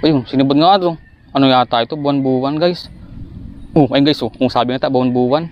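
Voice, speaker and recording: A man vlogging while fishing outdoors, chatting to viewers and breaking into excited bursts at each bite. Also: medium pitch, brisk, muffled recording. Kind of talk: casual fishing vlog narration. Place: outdoors by the water, rural.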